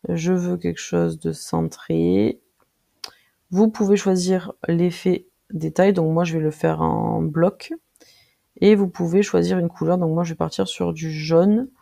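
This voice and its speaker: A presenter walking viewers through a design tool in a casual screen-recorded tutorial, speaking directly to them and pausing often with filler sounds while clicking. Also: medium pitch, gravelly, mellow. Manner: friendly, addresses viewers directly.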